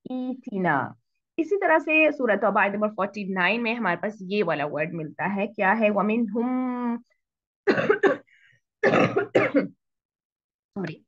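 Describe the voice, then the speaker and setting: A woman teaching Quran recitation rules to beginners. She asks questions and answers them herself, mixes in English words, and stretches syllables out slowly when she shows a reading. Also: on the high side, no echo, highs cut off. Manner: slow, drawn-out syllables when showing a reading. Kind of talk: explaining rules to beginner students.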